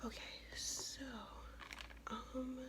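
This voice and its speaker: A young American ASMR vlogger whispers close to the mic in a raspy voice, her throat worn from illness. Speaking extremely slowly, she tells a blunt, profane, chatty story.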